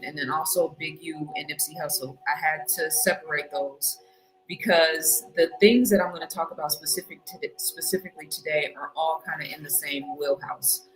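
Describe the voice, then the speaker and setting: Laid-back woman, livestream host, lowish voice, chatty greeter. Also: rough recording. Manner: laid-back, greets chat viewers warmly by name. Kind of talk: casual livestream chat.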